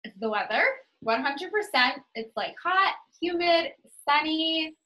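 A woman's voice: high voice, animated, measured pace, sharp tone, poor audio. A woman in her twenties from New England, chatting casually as an interview guest and filling her speech with "like". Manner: chatty, uses "like" a lot, upbeat.

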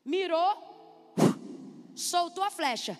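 A woman's voice: very high-pitched, lively intonation, slow pace, long reverb tail, faint music behind. A woman preacher, delivering an emphatic sermon and calling on the congregation to answer back. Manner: emphatic, calls for congregation responses. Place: church.

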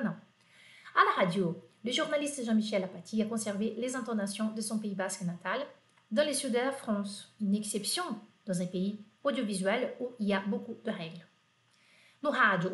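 Brazilian woman, French teacher, lively, chatty, translates line by line, slightly high voice, roomy echo. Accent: Brazilian Portuguese. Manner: reads French aloud, then translates it; lively, chatty asides to students. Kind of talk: online lesson reading a text on screen.

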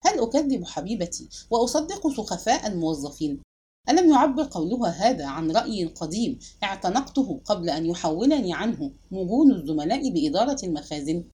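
A woman narrating a literary audiobook with expressive, dramatic storytelling. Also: mid-range voice, brisk, slightly rough.

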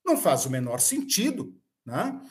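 A man's voice: fairly high pitch, huge pitch swings, normal speed. A man with a Brazilian Portuguese accent giving a recorded Bible lecture, explaining step by step and closing points with tag questions. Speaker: Bible teacher.

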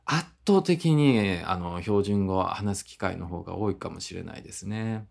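A man's voice: sits low, lively intonation, moderate pace, creaky, a little mellow. A man with an Osaka accent hosting a casual solo podcast, chatting in a conversational way with lots of fillers. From Osaka, Japan. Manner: chatty, conversational, many fillers and tag particles. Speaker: podcast host.

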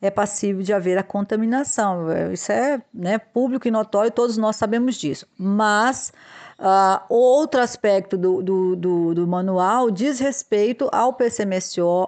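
A woman explains workplace legal rules on a podcast. She is deliberate and advisory, and she often hesitates and restarts a phrase before going on. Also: medium pitch, darkish tone. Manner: measured, with frequent hesitations and restarts. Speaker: podcast host, labor law advisor.

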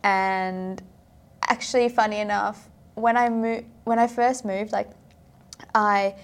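Speaking slowly with a steady tone and mid-range voice, a young woman from South Africa is a guest on a podcast. She's chatty and leans heavily on fillers, saying "like" again and again.

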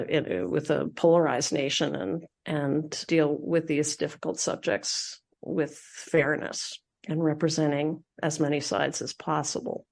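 A middle-aged woman from Philadelphia talks as a guest on an interview show. Her voice sits a little low, and her manner is earthy and frank. She laughs at herself and doesn't fit the measured public radio mold. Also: creaky. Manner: earthy, animated, self-deprecating. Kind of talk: casual interview chat.

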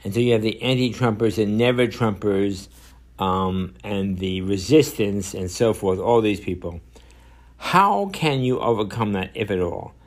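A man's voice: lowish voice, measured pace. Rambling older man, podcast host. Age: 70s. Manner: rambling, many fillers and restarts. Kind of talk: solo podcast monologue.

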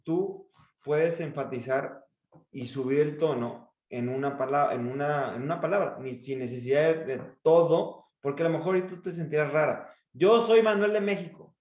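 Mexican coach in an echoey room. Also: male voice, normal speed. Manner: expressive, demonstrates pitch and emphasis. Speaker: speaking coach. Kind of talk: coaching in a podcast interview.

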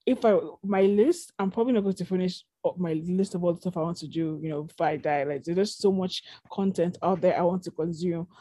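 A young woman chats casually on a podcast, rambling through her thoughts with plenty of "like" and "you know." Her voice is mellow and warm, on the lower side, and the recording is dry and close. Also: a little fast, hardly any pauses, no echo. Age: young adult. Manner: chatty, rambling, many fillers. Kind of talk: casual chat.

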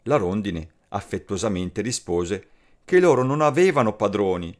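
A man reading a fairy tale aloud as a storyteller, slow and expressive. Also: lowish voice. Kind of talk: scripted fairy tale narration.

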